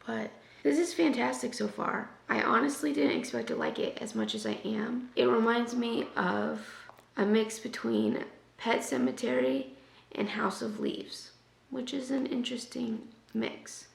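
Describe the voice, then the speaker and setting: A young woman chatting casually in a reading vlog, sick and losing her voice, often dropping to a soft half-whisper. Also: on the high side, fairly even intonation, a little slow, creaky, roomy sound. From US West Coast. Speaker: book vlogger. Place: at home.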